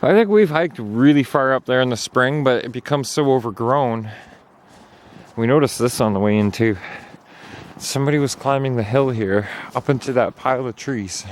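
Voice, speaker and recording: A man's voice: medium pitch, normal speed, a little hiss or hum. A man narrating a casual hiking vlog outdoors on a snowy trail, chatty and at times out of breath. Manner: chatty, talking while hiking, sometimes out of breath. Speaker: vlogger.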